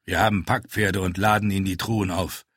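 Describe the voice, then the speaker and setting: A man voicing an older, stern ascetic who speaks in a measured, condescending way in a storybook reading. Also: deep voice, steady tone, a bit bright, breathy edge, no echo, studio quality. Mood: cool.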